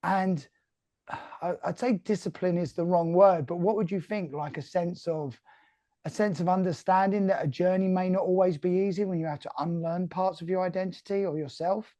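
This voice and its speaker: A man's voice: high voice, fairly even intonation, normal speed, dark tone, dry recording. Earnest Cockney man hosting. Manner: earnest, reflective, rambling with restarts. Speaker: host. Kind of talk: casual live Q&A interview. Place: remote call.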